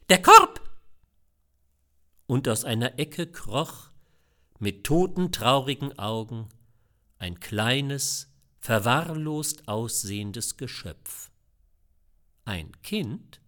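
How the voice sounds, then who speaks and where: A man reads a satirical tale aloud, slow and deliberate. His pitch swings widely as he lingers on the ironic turns, with plenty of expressive colour. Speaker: reader. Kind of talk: storytelling reading of a satirical tale.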